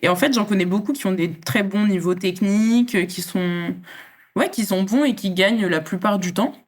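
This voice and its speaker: A woman's voice: medium pitch, moderate pace. A young woman from France, a champion athlete speaking as an interview guest, talking in a reflective, casual way with many fillers and restarts.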